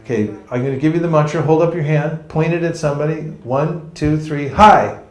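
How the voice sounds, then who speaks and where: Speaking fairly quickly in a fairly high voice, a man from California leads a live seminar on book distribution, joking around and acting out encounters on the street. The room is echoey.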